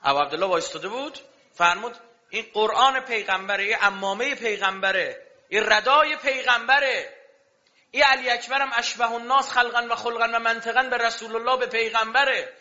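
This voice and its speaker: A man's voice: very high-pitched, sharp tone. A man preaching a sermon with passion, throwing rhetorical questions at his audience. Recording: dull lo-fi recording.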